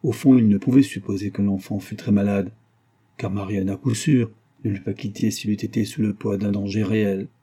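Husky, dark-voiced man reading a novel. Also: lowish voice, steady tone, normal speed. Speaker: audiobook narrator. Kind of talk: scripted narration.

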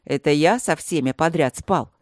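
A woman's voice: low voice, moderate pace, no room sound, studio quality, natural voice. A woman voicing a smug, good-looking man who blackmails a family, speaking with swagger in a story reading. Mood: indignant. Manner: swaggering, then panicky.

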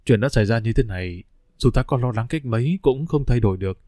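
A man voicing a calm, cautious middle-aged husband who speaks steadily and reassuringly. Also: mid-range voice, fast talker, dry recording, studio quality, natural voice.

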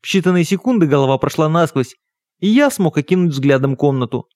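A man narrating a first-person literary audiobook in a measured, even storytelling manner on a close studio mic. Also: on the high side, dry recording.

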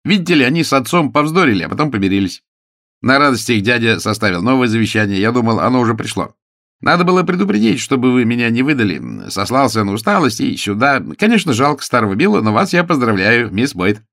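A man's voice: mid-range voice, sing-song, fairly bright tone, no echo, voice pushed up. A man voicing a flustered, eager young lawyer who rambles apologetically, in a dry-sounding audiobook. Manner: rushed, apologetic, chatty.

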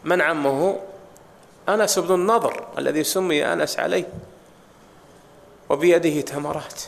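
A man gives a religious lecture, explaining texts and turning to his listeners with rhetorical questions. His voice sits a little high and has a gravelly edge. It rings out with the long reverb of a large hall. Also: moderate pace, slight background noise. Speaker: Islamic scholar teaching.

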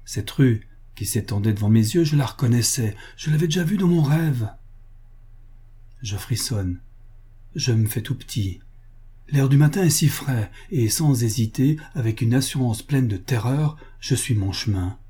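A male narrator reading a literary story aloud in a measured, expressive way. His voice is husky and dark, at a middle pitch. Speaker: audiobook reader.

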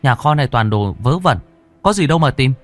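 A man's voice: medium pitch, animated, fairly quick, soft background music, pitched above the performer's own voice, close to an everyday voice. A man voicing a sullen, evasive teenage boy who gives dismissive replies.

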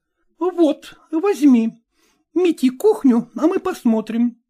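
A woman voicing a sharp, scornful city housemaid who scolds and exclaims. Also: high-pitched, animated, takes it slowly, voice pushed up. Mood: scolding.

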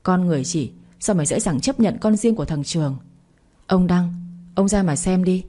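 Woman reading as a sharp-tongued mother-in-law in a storybook, scolding fast, low husky voice. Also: lightly acted. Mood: angry. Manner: shrill scolding, accusing.

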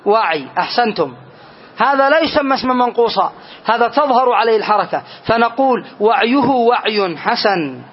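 A man runs a grammar class with a notably high voice. He quizzes his students, then slows right down to spell out each example. The recording sounds dull and lo-fi. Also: animated, slightly rough. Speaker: teacher of Arabic grammar.

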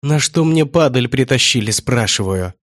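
A man voicing a shrill, irritable old male trader in an audiobook, snapping and squealing at those around him. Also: lively intonation, normal speed, dry recording, studio quality, close to an everyday voice. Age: older. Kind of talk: audiobook character voice.

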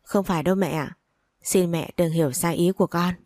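A woman's voice: lowish voice, fairly even intonation, fairly quick, mellow, close to an everyday voice. A woman reading the lines of a timid young bride who answers politely and deferentially. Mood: pleading.

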